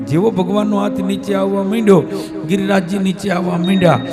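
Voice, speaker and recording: A high, lively male voice from tells a devotional story as a sermon, throwing himself into each character's lines and then dropping to a near hush. Long hall reverb rings around him. Devotional music plays clearly underneath. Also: fairly quick. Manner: lively, acts out characters' lines with dramatic shifts from loud to hushed. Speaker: Bhagavata katha storyteller.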